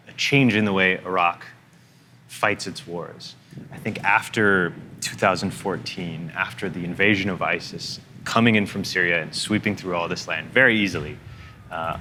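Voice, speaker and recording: A male journalist describes his reporting in a loose, chatty way, leaning on fillers. His voice is very low yet bright and forward, with faint ambient hum behind it. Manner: loose, conversational, many fillers. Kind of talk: interview conversation.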